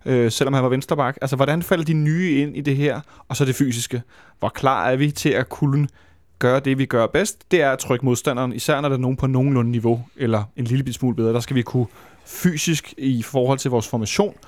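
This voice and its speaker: A man's voice: medium pitch, steady tone, darkish tone, dry recording, clean studio sound. Man chatting at length about football. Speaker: podcast co-host. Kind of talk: casual football podcast chat.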